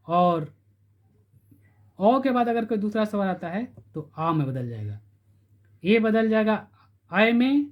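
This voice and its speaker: Man, teacher, grammar lesson, repeats terms, slow drawn-out syllables, dull lo-fi recording. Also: sits high.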